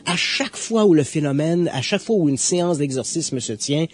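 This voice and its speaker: A man, recounting an exorcism case in a conversational storytelling style, building suspense with emphatic pauses. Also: on the high side, lively intonation, breathy edge. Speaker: guest expert.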